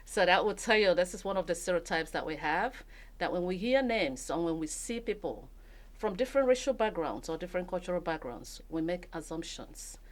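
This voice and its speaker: Measured woman hosting a radio interview. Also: fairly low pitch, lively intonation. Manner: measured, explains points to listeners. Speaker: radio show host. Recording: radio studio broadcast.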